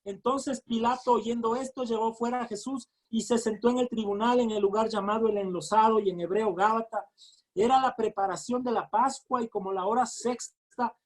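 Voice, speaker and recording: A woman preacher, giving a fervent sermon and reading scripture slowly, with frequent exclamations. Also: fairly high pitch, steady tone, a little mellow. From Ecuador. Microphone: recorded sermon.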